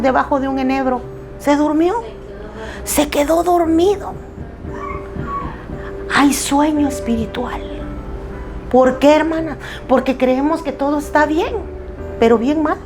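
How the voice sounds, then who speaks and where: Woman preacher, high voice, loud and emphatic, candid and self-mocking, faint music underneath. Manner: loud, emphatic and plain-spoken; candid, with self-deprecating humor. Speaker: preacher at a women's church group. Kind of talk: sermon.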